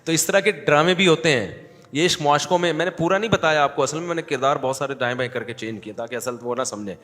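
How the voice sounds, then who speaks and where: A male religious scholar telling stories in a sermon, animated and joking. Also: fairly high pitch, big-room sound. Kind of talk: sermon storytelling.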